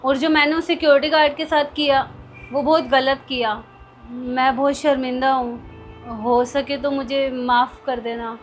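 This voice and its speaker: A woman's voice: very high-pitched, moderate pace, faint music behind. A woman playing a rich wife who scolds a guard and later apologises, in a short melodrama. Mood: ashamed. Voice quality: sharp and scolding, then soft and ashamed. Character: arrogant rich wife who turns remorseful. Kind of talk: amateur short-film acting.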